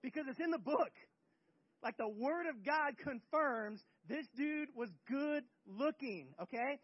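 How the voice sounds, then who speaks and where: A man's voice: very high-pitched, lively intonation, unhurried, dry recording. A male pastor giving a casual, joking sermon, acting out scripture scenes, in a muffled lo-fi recording. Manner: conversational, joking, acts out bible characters.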